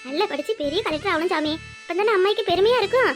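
A very high, bright, rapid voice of a harried village mother, played by a woman in a cartoon, switching between scolding her children and coaxing them with dialect endearments. She speaks with a southern Tamil accent from Tirunelveli, over faint music. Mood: soothing. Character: weary, devoted village mother of three. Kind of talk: cartoon voice acting.

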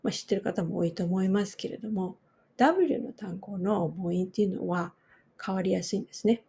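A Japanese-speaking woman coaching English pronunciation, repeating each word slowly for drill. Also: mid-range voice, gravelly, warm tone, breathy edge. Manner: slow, repeats words for drill. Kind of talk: pronunciation lesson.

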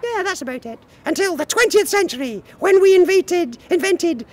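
A man voicing a goofy, bantering Scottish sock puppet in a squeaky falsetto, improvising a comedy sketch. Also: animated, moderate pace, a little mellow. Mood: silly, playful.

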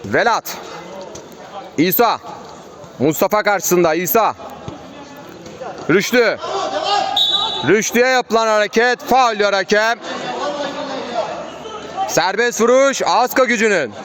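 A man's voice: high voice, lively intonation, slow pace, long pauses. A man giving live play-by-play football commentary in short, clipped phrases, calling out player names. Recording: crowd and outdoor urban noise behind. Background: crowd at an outdoor match.

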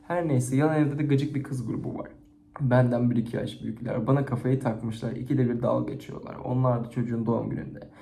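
Chatty man in an echoey room. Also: mid-range voice. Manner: chatty and expressive, with frequent laughter. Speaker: YouTuber reading viewers' stories. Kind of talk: casual chat to camera, reading and rating stories. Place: indoors at home, set-up camera. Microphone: camera on a stand.

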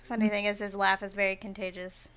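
A woman's voice: medium pitch, level tone, quick pace, crowd noise. A woman hosting a board game stream, chatting casually and giggling between rambling remarks. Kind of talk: casual chat while playing.

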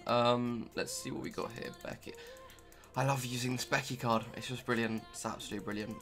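A man's voice: medium pitch, fairly even intonation, fairly quick. Young dude chatting about his card game, lots of ums, kinda offhand, faint music behind. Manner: rambling, filler-heavy, offhand. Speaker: gaming YouTuber. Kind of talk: casual game commentary.

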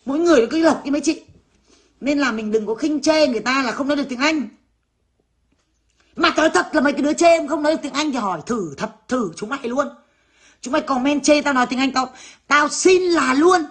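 A woman's voice: high-pitched, quick pace. A woman in her thirties from Vietnam, ranting bluntly to her viewers and swearing freely. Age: 30s. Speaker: vlogger.

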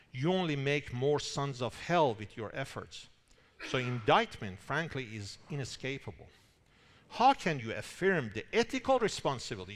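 A man preaching a sermon, emphatic and animated, with rhetorical questions to his listeners. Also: medium pitch, long reverb tail. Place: church hall.

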